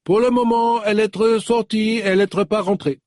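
A man doing a halting foreign-accented woman. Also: high voice, dry recording, clean studio sound, pitched above the performer's own voice. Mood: puzzled. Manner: broken, halting speech. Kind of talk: audiobook character voice.

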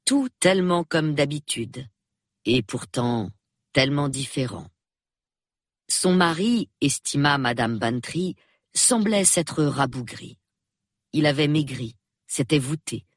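A man reading a novel aloud as audiobook narrator, measured and expressive, close to the mic. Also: fairly high pitch, dry recording. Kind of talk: scripted narration.

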